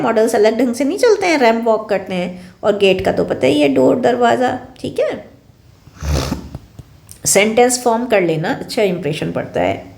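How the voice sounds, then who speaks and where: A young woman teacher runs through English words one by one, repeating each meaning and slipping in short example sentences. Her voice has a gravelly edge at mid pitch. The recording sounds echoey, as in a bare room. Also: darkish tone. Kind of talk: recorded online lecture on vocabulary.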